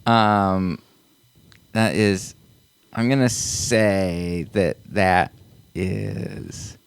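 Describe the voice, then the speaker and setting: A man's voice: sits low, steady tone, drawn-out words, vocal fry, smooth, dry recording. A man co-hosting a casual podcast, thinking aloud with hesitant fillers while guessing at quiz answers. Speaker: podcast co-host. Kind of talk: casual chat.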